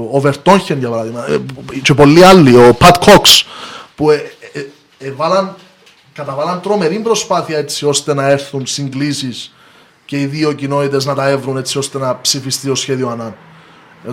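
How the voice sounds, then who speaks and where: A man with a Cypriot Greek accent, explaining his opinions as a guest in a podcast discussion. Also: a little high.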